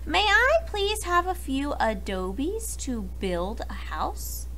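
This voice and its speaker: A woman acts out a plucky little girl javelina from a picture book. She is high, bright and emphatic, clever and spirited, with lively jumps in pitch. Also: slow, exaggerated voice. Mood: polite. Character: plucky, defiant young female javelina, clever and polite. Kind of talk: children's storybook character voice.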